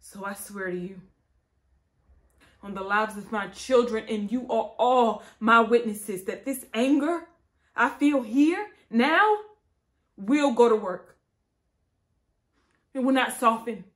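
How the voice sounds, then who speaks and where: Woman acting slow, sorrowful tragic heroine. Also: mid-range voice, natural voice. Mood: grieving defiance. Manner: tragic, sorrowful, solemn, with deliberate weighted pauses. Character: grieving, dignified woman activist addressing mourners, righteously angry. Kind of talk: dramatic monologue, acted for camera. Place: indoors, plain studio backdrop.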